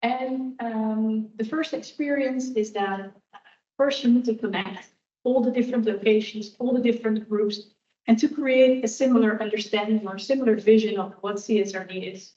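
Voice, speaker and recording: A woman's voice: on the high side, fairly even intonation, normal speed, mellow. A woman guest speaker answering audience questions in a candid, reflective way. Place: university lecture hall. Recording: echoey hall, distant dull room mic.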